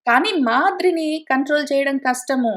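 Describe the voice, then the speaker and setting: A woman with a notably high voice gives a verse-by-verse commentary on an ancient epic. She chants each Sanskrit line slowly, then unpacks it emphatically, slipping English words into her speech. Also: fairly bright tone. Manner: emphatic storytelling. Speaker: scripture teacher.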